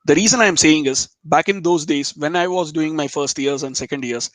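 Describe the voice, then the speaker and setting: A man's voice: on the high side, moderate pace, fairly bright tone, dry recording, rough recording. A man from Chennai with a Telugu Indian accent, chatting casually as a webinar guest in an informal, jokey, digressive way. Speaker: guest speaker, web developer.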